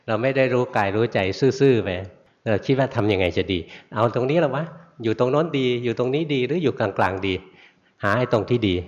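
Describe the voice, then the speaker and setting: A man, a Buddhist monk, telling a story in a relaxed sermon, often adding soft tag words, on a dull lo-fi recording in a sermon hall. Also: on the low side. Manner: relaxed storytelling with frequent "na" tags.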